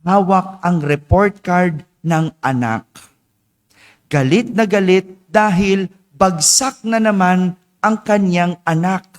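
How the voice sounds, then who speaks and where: A male priest giving a homily at morning mass, chatty and teasing the congregation with quick asides. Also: sits high. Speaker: parish priest. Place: church. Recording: long church reverb.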